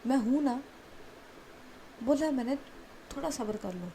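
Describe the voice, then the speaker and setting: A woman's voice: high-pitched, lively intonation, unhurried, warm tone, a little hiss or hum. A woman voicing a young man who reassures and scolds an anxious elder sister. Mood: reassuring.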